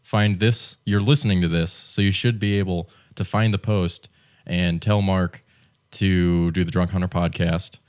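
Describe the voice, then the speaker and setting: A young man co-hosts a relaxed podcast. He speaks in a low voice and teases in a deadpan way, with dry jokes. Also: measured pace, few pauses. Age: young adult. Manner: deadpan teasing. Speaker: podcast co-host. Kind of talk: casual podcast banter.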